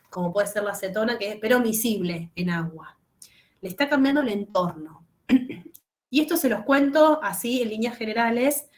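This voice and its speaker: A woman teaching a chemistry lesson over a video call, explaining step by step and checking often that students follow. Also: fairly high pitch. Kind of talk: online class lecture.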